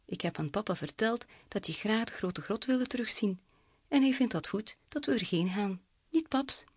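A woman's voice: mid-range voice, animated, normal speed, breathy edge, no room sound, studio quality. A woman reading aloud and voicing a bold, reckless young female bat in a storybook. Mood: cheerful.

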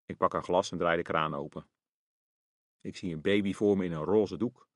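Low-voiced guy reading a first-person kids story, wry and deadpan, dry close sound. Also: moderate pace, no echo. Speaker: narrator.

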